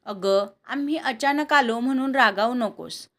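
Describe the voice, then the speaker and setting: A woman voicing a gentle elderly grandmother in a family audio story, speaking softly and reassuringly. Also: fairly high pitch, measured pace. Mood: calm, kind.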